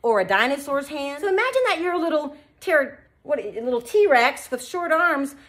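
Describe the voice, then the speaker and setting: Lively, encouraging woman teaching kids. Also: high-pitched, normal speed, slight background noise. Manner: animated, encouraging, lots of praise. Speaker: beatbox teacher. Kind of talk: children's tutorial.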